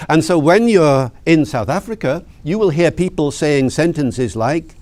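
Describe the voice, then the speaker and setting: A man, a language lecturer, explaining things in an interview with lively anecdotes. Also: a little high, slow pace.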